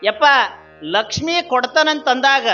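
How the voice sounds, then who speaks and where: A practical eldest son makes his pitch in a bright, high voice with a North Karnataka accent, as a preacher puts him on. He talks persuasively, laying out his plan step by step. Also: animated, measured pace, lo-fi sound, soft background music, heavily acted. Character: eldest son, practical and scheming adult male.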